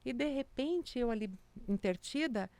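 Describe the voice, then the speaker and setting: A woman's voice: a little high, moderate pace, clean tone, dry recording. A woman, a music teacher for small children, telling stories in casual chat and acting out the quotes in them. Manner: animated storyteller acting out quotes, many "né?" tags.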